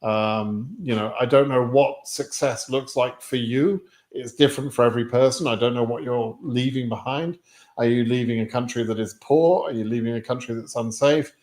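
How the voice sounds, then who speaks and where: A man's voice: mid-range voice, moderate pace, darkish tone. British man in his sixties, plainspoken. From United Kingdom. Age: 60s. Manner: rambling, frequent ums and restarts, frank and plainspoken. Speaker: immigration lottery advisor hosting a live stream. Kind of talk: live stream Q&A, reading viewer questions.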